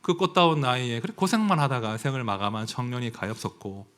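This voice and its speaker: A man preaching a sermon as pastor, emotional and conversational, dropping to hushed asides and rising to outcries, reading scripture aloud in a louder formal voice. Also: medium pitch, quick pace. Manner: conversational, asks the congregation for agreement.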